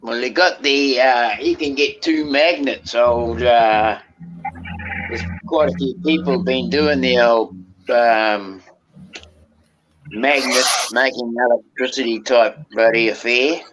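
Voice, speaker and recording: A man's voice: medium pitch, takes it slowly, fairly bright tone, a little hiss or hum. A man in a casual livestream chat who speaks hesitantly and swears offhandedly, on a dull lo-fi line.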